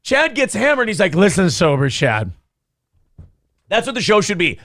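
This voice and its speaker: A man's voice: high voice, fast, dry recording. A man hosting a podcast, casually commenting on a clip with swearing and mocking imitations. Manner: animated, profane, mocking imitations. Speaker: podcast host.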